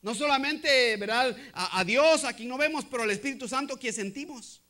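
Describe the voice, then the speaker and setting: A man's voice: very high-pitched, normal speed, pushed and bright. A man preaching a sermon as pastor, often checking in with the congregation and restarting his sentences.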